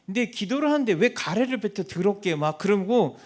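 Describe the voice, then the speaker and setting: High-voiced man telling a lively testimony. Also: fairly quick. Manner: animated, acts out quoted people. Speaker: missionary giving a testimony. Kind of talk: church testimony storytelling.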